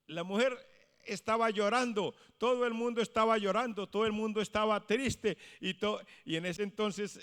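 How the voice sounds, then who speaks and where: A male pastor preaching a sermon, swinging from hushed lines to loud exclamations. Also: high voice, long reverb tail. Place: church.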